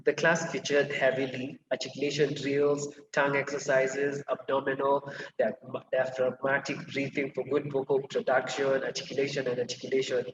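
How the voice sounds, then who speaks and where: A man's voice: medium pitch, level tone, moderate pace. A man in a student role interviewing a radio announcer, speaking casually with many fillers. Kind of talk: interview questions. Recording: distant, dull, echoey and noisy.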